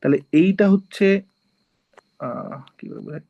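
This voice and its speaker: A man teaching an informal class, walking students through each point and pausing to check they follow. His voice is gravelly with a fry, and it sits a little above the usual male pitch. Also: mellow, muffled recording, a little hiss or hum. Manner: explains step by step, often checks with "ঠিক আছে?".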